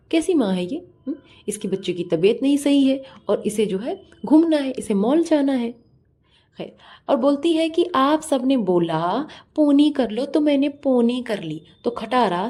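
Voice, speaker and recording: A woman's voice: a little high, mellow. Scornful woman reaction vlogger. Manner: scornful, mocking, scolding. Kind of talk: reaction vlog commentary.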